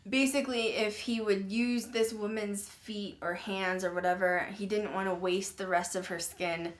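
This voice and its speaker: In a mid-range, steady voice at normal speed, a paranormal podcast host walks viewers through a grim true-crime case. Her delivery is loose and rambling, packed with "like" and "um," broken by throat-clearing as she says her voice is fading, and she seems uneasy and apologetic about the subject.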